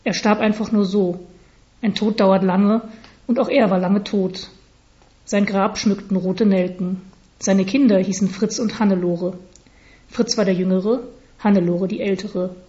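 Woman narrator, deadpan story reading, mellow dark voice, slightly dull recording. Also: medium pitch, unhurried.

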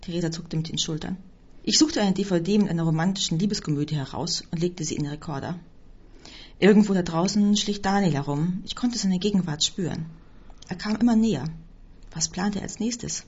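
A woman with a low, husky voice reads a first-person story in a steady, scripted manner. The recording sounds dull and lo-fi. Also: a little fast. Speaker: audiobook reader.

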